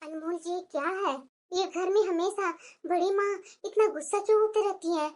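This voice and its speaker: A woman voicing a young, newly married woman in a cartoon, soft-spoken and complaining. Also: very high-pitched, a little fast, music in the background. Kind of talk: cartoon voice acting.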